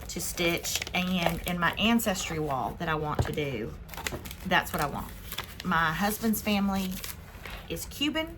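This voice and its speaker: Chatty lower-voiced woman host. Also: noisy background. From Spain. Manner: chatty, excitedly unboxing purchases. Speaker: vlog host. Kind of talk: casual haul vlog.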